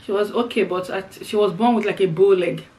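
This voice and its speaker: A woman's voice: medium pitch, brisk, warm tone. A middle-aged woman chatting casually to her viewers during a meal, often repeating phrases as she explains. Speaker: mukbang vlogger. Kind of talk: casual chat to viewers while eating. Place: indoors, seated on the floor.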